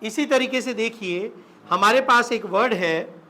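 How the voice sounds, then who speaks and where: A man's voice: extremely high pitch, measured pace, bright, forceful tone. A man teaching a classroom lesson on English spelling, asking the students questions and repeating them. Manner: slips into local Rajasthani dialect.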